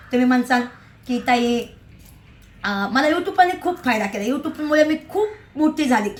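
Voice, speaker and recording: A middle-aged woman talks straight to her viewers in a casual, rambling vlog, her voice sitting a little high. She is chatty and emphatic and keeps asking whether they agree with her. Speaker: vlogger.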